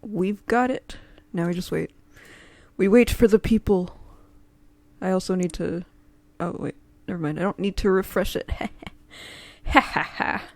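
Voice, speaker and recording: A woman's voice: on the low side, a little slow, no room sound. A woman hosting a casual stream chat, rambling with many fillers and frequent giggles. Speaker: streamer and host.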